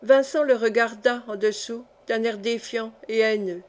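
A woman's voice: on the high side, fairly even intonation, moderate pace. Woman reading a novel aloud. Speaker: audiobook reader. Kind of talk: scripted narration of a historical novel.

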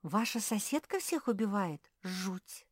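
A woman's voice: mid-range voice, big pitch swings, unhurried, no echo, studio quality, pitched above the performer's own voice. A woman doing a touchy, chatty young cat. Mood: indignant. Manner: eager, easily offended.

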